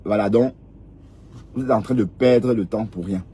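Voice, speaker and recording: Lecturing man, low mellow voice. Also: normal speed, husky. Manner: lecturing, repetitive, frequent "hein?". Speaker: vlogger. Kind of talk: casual advice monologue.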